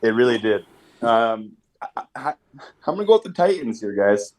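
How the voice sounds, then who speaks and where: A man's voice: mid-range voice, sing-song, moderate pace, a little mellow. A man with a Midwestern accent, co-hosting a casual sports podcast in a folksy, laid-back way. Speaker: podcast co-host.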